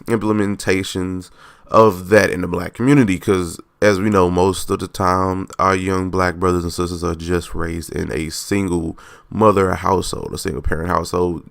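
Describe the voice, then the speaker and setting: A young man with a raspy voice hosting his own podcast, talking casually and rambling, often correcting himself mid-sentence. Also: sits low, flat delivery, moderate pace, dry recording, studio quality. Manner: rambling, self-correcting, loose and informal. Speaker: podcast host. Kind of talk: casual solo podcast talk.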